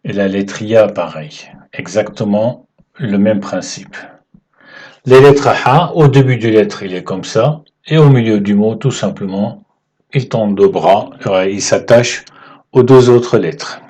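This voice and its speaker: A man teaching the alphabet in French, patient and halting, often checking in with "ok?" as he writes. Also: lowish voice, darkish tone, breathy edge. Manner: slow, halting delivery with fillers. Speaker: Arabic teacher. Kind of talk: whiteboard lesson explaining letters.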